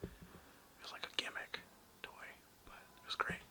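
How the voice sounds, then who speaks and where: A little slow, an ASMR creator whispers breathily without voicing, wandering casually through a show-and-tell that includes some swearing.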